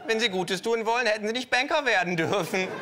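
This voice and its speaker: A man doing a shrill, pushy kangaroo. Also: fast talker, background noise, lightly acted. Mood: gleeful. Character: brash, cynical male kangaroo investor.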